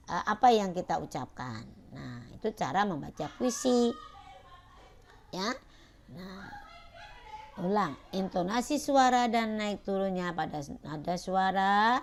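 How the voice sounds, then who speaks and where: A woman teacher speaks slowly and patiently to her pupils, with a gravelly edge to her voice. She leans on little "ya" and "nah" checks as she explains each point. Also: medium pitch. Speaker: primary school teacher. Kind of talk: recorded class lesson.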